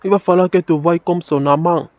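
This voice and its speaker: A man's voice: a little high, fairly even intonation, fairly quick, no echo. A man giving blunt dating advice straight to the listener, calling him "bro" and repeating a catchphrase. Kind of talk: direct-to-camera advice monologue.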